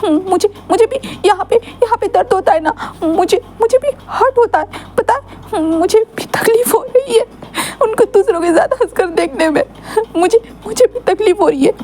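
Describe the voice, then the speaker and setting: A woman's voice: high voice, steady tone, fairly quick, mellow, natural voice. A woman voicing a heartbroken young man who cries and stammers while pleading to be loved. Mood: tearful. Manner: sobbing, stammering, repeating words. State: crying.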